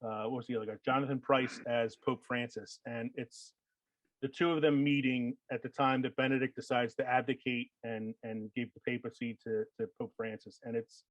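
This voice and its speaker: A man's voice: medium pitch, dry recording, rough recording. A man co-hosting a podcast, chatting casually about films and trailing off into fillers. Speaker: podcast co-host. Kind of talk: casual chat.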